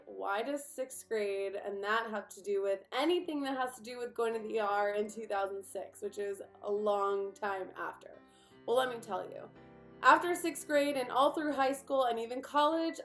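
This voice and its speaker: Chatty woman vlogger in an echoey room. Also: on the high side. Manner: chatty and animated, with frequent fillers and asides. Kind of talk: casual storytelling to camera.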